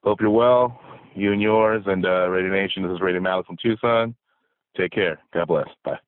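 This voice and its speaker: A man leaving a message as a radio show caller, his voice very low and squeezed thin by the phone line. The sound is dry and close, and he rambles with frustration and plenty of fillers. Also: normal speed, no echo.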